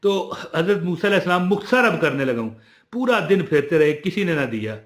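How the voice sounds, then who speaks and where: A man telling a religious story, animated, moving between loud emphasis and quiet asides. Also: fairly high pitch, fairly quick, echoey room.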